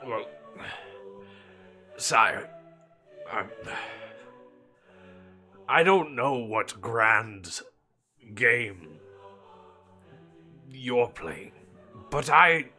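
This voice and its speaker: A courteous knight speaks very slowly, his replies hesitant and nervously dry, as a player voices him. His tone is bright and a little tense. Faint music plays underneath. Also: medium pitch, lively intonation, exaggerated voice. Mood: wary. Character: flustered adult male knight hero, polite and wary.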